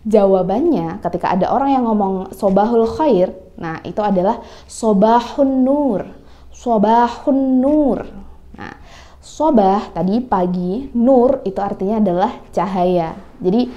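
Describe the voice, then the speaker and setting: A woman's voice: medium pitch, mellow. A woman teaching Arabic greetings in a casual video lesson, chatty and full of little fillers. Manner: chatty, explains with many "nah" and "kayak gitu" fillers.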